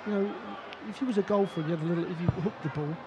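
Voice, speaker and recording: A man's voice: high voice, very fast. A man giving live darts commentary in a colloquial, explanatory way. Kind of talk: live sports commentary, conversational analysis. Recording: loud crowd and venue noise. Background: noisy darts crowd.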